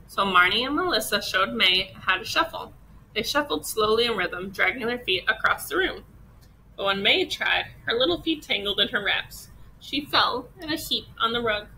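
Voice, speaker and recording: Bright-voiced teacher reading aloud. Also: female voice, a little high, animated, moderate pace, a little hiss or hum, low-quality recording. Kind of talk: children's storybook read-aloud.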